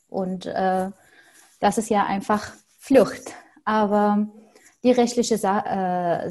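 A woman's voice: medium pitch, mellow. A woman, answering interview questions thoughtfully and with frequent hesitations. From Syria. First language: Arabic. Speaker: interview guest. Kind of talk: conversational interview.

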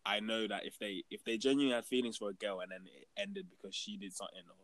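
A man's voice: fairly low pitch, quick pace, fairly bright tone, dry recording. A young man with a London accent and slangy roadman way of talking, chatting casually on a podcast. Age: young adult. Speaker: podcast speaker.

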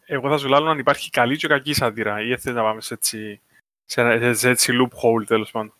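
A man with a Cypriot Greek accent, co-hosting a podcast, animated in a casual discussion, giving examples and asking questions. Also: mid-range voice, no echo. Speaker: podcast co-host.

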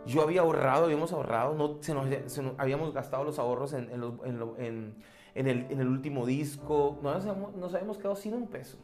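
A man's voice: mid-range voice, quick pace, darkish tone, faint music behind. A man, a pastor, preaching a sermon and telling a personal story in an earnest way, repeating key phrases.

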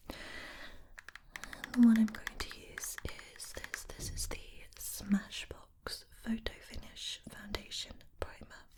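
A woman in a whispered role-play as a make-up artist, in a soft, breathy, layered whisper with a gentle, attentive manner. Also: a little high, level tone, slow. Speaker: ASMR host playing a make-up artist.

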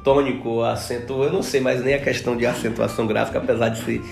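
Gravelly Brazilian man, chatty podcast host. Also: mid-range voice, fast talker. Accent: Brazilian Portuguese. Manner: chatty, animated when telling anecdotes. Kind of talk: casual podcast chat. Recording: roomy echo with faint guitar music.

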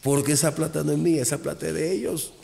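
Gravelly-voiced man, animated podcast guest. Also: a little high, fast. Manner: animated storyteller, acts out dialogue, repeats phrases. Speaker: voodoo priest guest. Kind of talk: casual podcast talk. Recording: long echoey reverb.

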